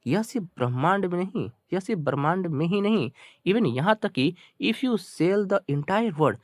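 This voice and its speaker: A native Hindi speaker with an Indian accent teaches bilingually, his voice sitting high with lively intonation as he reads English slowly word by word and repeats colloquial explanations. The studio-quality recording has no room sound.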